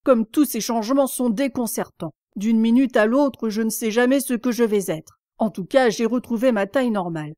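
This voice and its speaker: A woman's voice: fairly high pitch, moderate pace, hardly any pauses, darkish tone, dry recording, clean studio sound, close to an everyday voice. A woman reading aloud voices a frank, indignant little girl who sometimes hesitates. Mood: earnest.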